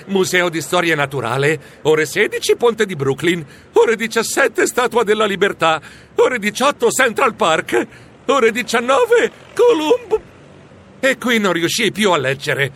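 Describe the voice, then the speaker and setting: Animated high-voiced male storyteller. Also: a little hiss or hum. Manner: animated, exclamatory. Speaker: audiobook narrator. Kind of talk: storybook reading in first person.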